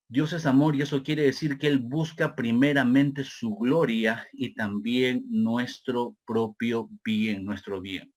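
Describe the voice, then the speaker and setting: A man with a Peruvian Spanish accent preaching a sermon, repeating phrases and calling listeners brother, slowing down for key points. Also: mid-range voice, darkish tone. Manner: slows down deliberately for key points.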